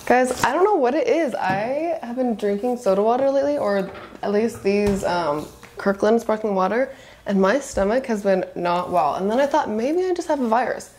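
Showing off the kitchen and living room of her small apartment, this twentysomething woman chats in a bubbly, gushing way and says "cute" a lot. Her voice is fairly high, animated and a little mellow, at a normal speed, with slight background noise.

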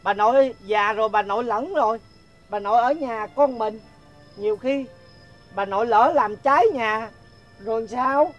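A man playing a middle-aged father in a comedy sketch, speaking haltingly and stammering as he wavers. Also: extremely high pitch, highs cut off, faint music behind. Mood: hesitant. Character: remorseful middle-aged son and father, hesitant. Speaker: father character.

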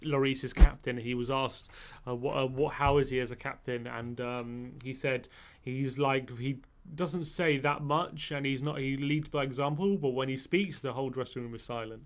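Animated young man, chatty football fan. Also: mid-range voice, moderate pace. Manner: animated, many restarts, gets heated. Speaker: football fan channel co-host. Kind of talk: casual football chat. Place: small studio with brick wall. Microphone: desk microphone.

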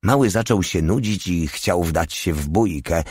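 A man reading an audiobook in a measured, unhurried narrating style. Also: deep voice, darkish tone, husky, dry recording, studio quality. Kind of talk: scripted narration.

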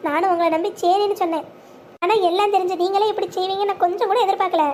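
A woman doing a heartbroken young bride, high and quick. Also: steady tone, darkish tone, a little hiss or hum. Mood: bitter. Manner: bitter, resolute.

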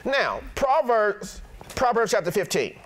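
A middle-aged pastor preaching a sermon in an animated, blunt, plain-spoken way. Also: male voice, sits high, a little slow, a little hiss or hum.

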